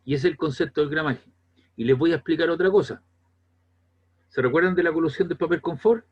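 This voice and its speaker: A man's voice: a little high, fairly quick, husky, highs cut off. A man with a Chilean accent giving a classroom lecture in a conversational way, often checking whether the students follow. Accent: Chilean Spanish. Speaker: teacher.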